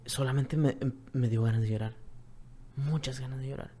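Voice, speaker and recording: Soft-spoken Mexican man telling his story. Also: medium pitch, steady tone, moderate pace. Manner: repetitive, earnest retelling, often drops to a soft near-whisper. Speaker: guest. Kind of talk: personal testimony, conversational storytelling.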